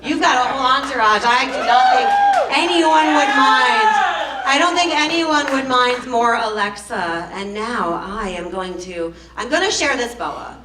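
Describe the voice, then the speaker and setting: A woman's voice: a little high, expressive, moderate pace, hardly any pauses, noisy background. A woman hosting a live burlesque show, chatting with the crowd in playful, teasing stage banter. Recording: echoey live venue, distant microphone.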